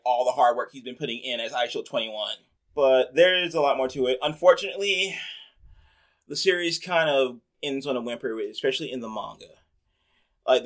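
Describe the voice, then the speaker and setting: Chatty man with a mid-pitched voice. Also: fairly bright tone. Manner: chatty, rambling, many "like" fillers. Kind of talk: casual chat.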